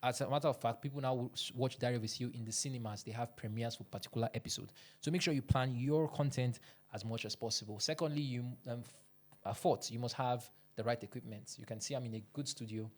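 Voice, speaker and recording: A man's voice: mid-range voice, fast talker, darkish tone. A man coaching beginners, talking into a studio microphone in a podcast studio. He is earnest and instructive, with emphatic bursts on the key points. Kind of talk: instructional talk to camera.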